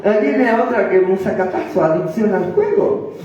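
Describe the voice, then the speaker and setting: A woman's voice: medium pitch, expressive, moderate pace, crowd noise. A woman pastor gives a sermon in a conversational way, full of rhetorical questions to the congregation. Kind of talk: sermon teaching. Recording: echoey room, distant dull mic.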